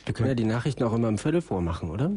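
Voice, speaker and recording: A male co-host on a live radio show. He tosses in short, dry remarks in a husky voice. His pitch sits in the middle. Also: big pitch swings, very fast, mellow.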